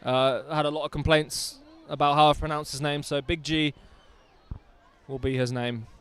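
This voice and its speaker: A man's voice: a little high, little pitch movement, moderate pace, fairly bright tone, clear, resonant tone. A man doing live rugby commentary outdoors, chatty and enthusiastic with jokey asides.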